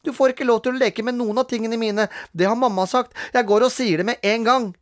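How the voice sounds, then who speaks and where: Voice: mid-range voice, steady tone, pitched above the performer's own voice, close to an everyday voice. A reader voicing a whiny prim little boy. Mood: tattling. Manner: whiny, self-righteous, fussy. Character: prim tattletale younger boy.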